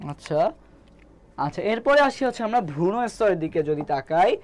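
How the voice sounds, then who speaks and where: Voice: medium pitch, big pitch swings, moderate pace, a little hiss or hum. A biology tutor with a Bangladeshi Bengali accent, teaching a live online class and asking questions that they answer themselves. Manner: quizzing, asks and answers own questions; reads viewer names from comments.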